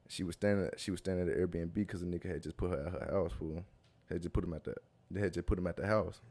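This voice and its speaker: This young male talk-show guest talks fast in a low, slightly mellow voice with fairly even intonation. He tells casual stories in slangy, loose language, laughing as he goes.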